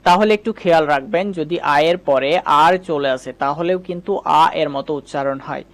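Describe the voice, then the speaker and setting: A man's voice: a little high, a little fast. A man teaching English spelling sounds in a patient, step-by-step spoken lesson, repeating each rule. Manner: patient, repetitive, explains step by step.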